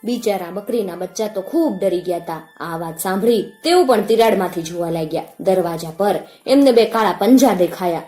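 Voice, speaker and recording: A woman storyteller narrating a village folk tale in a calm, expressive storybook manner. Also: mid-range voice, normal speed, few pauses, faint music behind.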